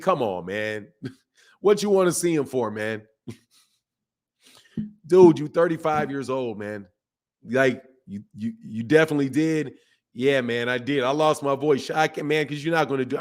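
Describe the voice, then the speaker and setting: A boxing channel host speaks to his livestream chat in a casual way, his mid-range voice hoarse from yelling. He moves at normal speed but pauses often, hammering points repeatedly and addressing people as bro or man.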